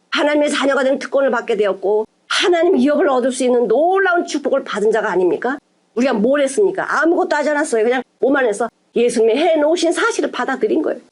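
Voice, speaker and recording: A woman preaches with a high, clear pitch and an insistent, emphatic delivery. She leans on rhetorical questions, pressing her congregation for answers, and drifts between formal address and plain everyday speech. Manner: switches between formal and casual speech endings. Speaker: pastor. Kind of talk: sermon.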